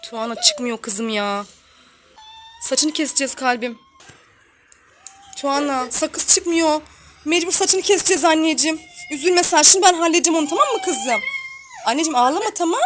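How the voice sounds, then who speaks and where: A woman's voice: high-pitched, big pitch swings, moderate pace, long pauses, slight background noise. A woman voicing a mother in a toy role-play, talking in a coaxing, affectionate way and repeating her soothing words. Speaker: toy video host.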